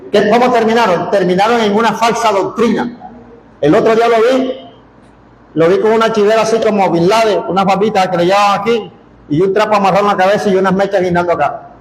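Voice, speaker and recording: A man's voice: high voice, reverberant, a little hiss or hum, poor audio. A man from Colombia preaching a sermon as pastor, folksy and joking, with emphatic repetitions.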